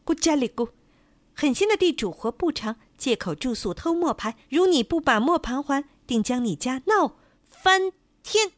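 A woman voicing a brave, determined male rooster with a high, bright crowing voice in a storybook tale. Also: big pitch swings, moderate pace, no echo.

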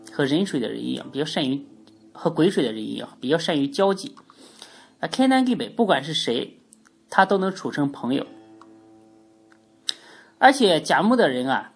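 A woman whose voice sits low with a breathy edge hosts an audio programme teaching Chinese astrology. She has a cold that leaves her nose stuffy and congested, and she explains her points emphatically.

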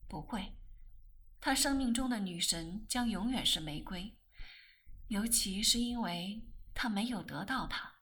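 A woman voicing a calm, thoughtful grown man who speaks in a low-key, measured, sighing way. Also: husky. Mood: rueful. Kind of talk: audiobook character voice.

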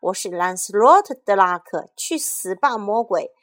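A woman voicing a proud male knight of the Round Table in a storybook, speaking slowly and solemnly. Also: on the low side, animated. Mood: battle cry. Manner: slow, solemn, boastful.

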